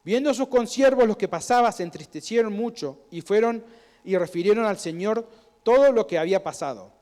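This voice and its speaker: A man's voice: sits high, expressive, fairly quick, mellow. A man preaching a sermon in a conversational way, asking his congregation questions and acting out quoted voices, recorded in a church. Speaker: pastor. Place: church sanctuary. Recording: long hall reverb.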